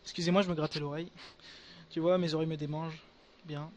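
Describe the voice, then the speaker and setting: A young man giving casual gameplay commentary to his viewers, excitable and full of crude slang. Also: fairly high pitch, fast, a little hiss or hum. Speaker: gaming video creator.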